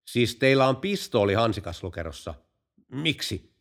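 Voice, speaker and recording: A man's voice: medium pitch, big pitch swings, gravelly. A man voicing an alarmed male motorcycle policeman in a told joke, stern at first and then calling for help in a panic.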